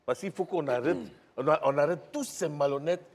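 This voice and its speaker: A man lectures indignantly as a comic parliament member, tripping over repeated words. His voice sits a little high, with a long hall reverb behind it. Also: brisk. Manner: indignant, preachy, stammering repeats. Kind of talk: sketch comedy.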